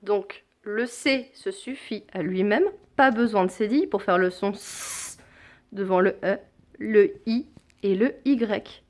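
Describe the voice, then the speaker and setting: A woman teaching a phonics lesson to young children, speaking deliberately and repeating each sound and example word. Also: medium pitch.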